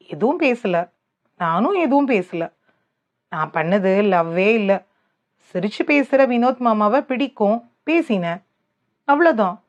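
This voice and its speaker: A woman voicing an earnest young woman who is quick to tears, in pleading, defensive everyday speech from an audiobook. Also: fairly high pitch, muffled recording.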